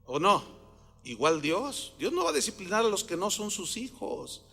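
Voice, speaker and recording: A man's voice: high-pitched, sing-song, normal speed, creaky, pushed and bright, long reverb tail. A man preaching a sermon with emphasis, often putting questions to the congregation. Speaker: pastor.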